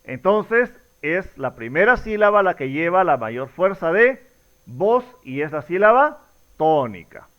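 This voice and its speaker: A man's voice: high-pitched, sing-song, measured pace, muffled recording. A man teaching a class, stretching out words and stressing syllables to show students how they are pronounced, and asking the same question again and again. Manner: addresses students directly, repeating each question. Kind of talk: recorded classroom lesson.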